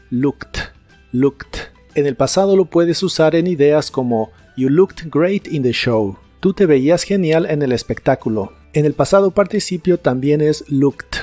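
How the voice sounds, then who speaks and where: A man teaching English vocabulary in a scripted lesson, repeating each word slowly and carefully. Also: a little high, dark tone. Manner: slow, careful pronunciation drills.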